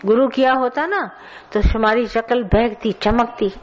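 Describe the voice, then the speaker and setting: A woman's voice: a little high, moderate pace, highs cut off. A woman giving a colloquial spiritual sermon, scolding and telling stories to her listeners. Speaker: spiritual teacher. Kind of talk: satsang sermon.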